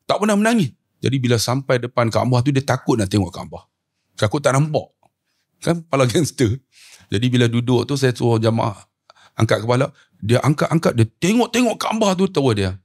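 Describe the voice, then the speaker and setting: A middle-aged man with a Malaysian Malay accent, a preacher telling a story on a talk show with lively, swinging pitch and acted-out dialogue. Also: brisk, slightly rough. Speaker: preacher and umrah tour guide.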